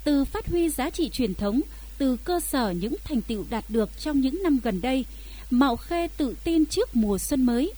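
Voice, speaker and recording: Husky-voiced Northern Vietnamese woman newsreader. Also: high-pitched, lively intonation, normal speed, warm tone. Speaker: local radio news presenter. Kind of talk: formal scripted news narration.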